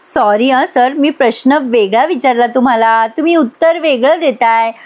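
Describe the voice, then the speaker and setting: A woman voicing a flattering, agreeable young male teacher. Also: sits high, moderate pace, lightly acted. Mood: fawning. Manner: fawning, agreeable.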